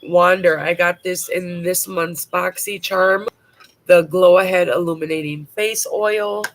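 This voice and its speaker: A makeup vlogger with a bad cold reviews products on a casual livestream, chatty and blunt, throwing in casual swear words. Her voice is on the low side and a little slow, with fairly even intonation.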